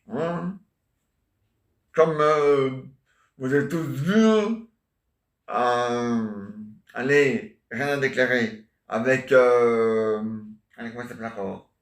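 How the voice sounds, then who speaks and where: A man's voice: medium pitch, slow, pauses often. Rambling joking man in an echoey room. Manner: meandering, jokey, filler-heavy. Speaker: vlogger.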